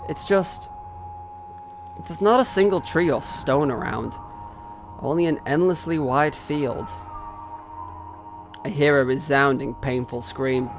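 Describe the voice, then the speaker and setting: A man reading a visual novel aloud in first person, slow and expressive, rising into anxious cries. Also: mid-range voice, over music.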